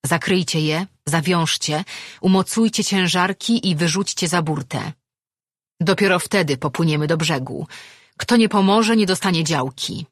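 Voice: mid-range voice, measured pace, no room sound, clean studio sound, close to an everyday voice. A narrator voicing a stern male fishing captain who barks orders at his crew. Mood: commanding. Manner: barking orders.

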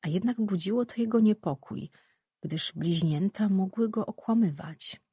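An audiobook narrator reading a fantasy novel in calm, even scripted narration. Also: mid-range voice, normal speed, breathy edge, no echo, highs cut off.

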